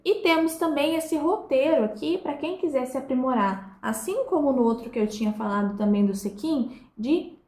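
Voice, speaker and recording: A Brazilian woman teaching a literature review class, reading verses aloud slowly and counting their syllables one by one. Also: sits high, animated, a little mellow, roomy sound. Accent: Brazilian Portuguese. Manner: didactic, slows down to read and split verses syllable by syllable. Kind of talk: recorded class review lesson.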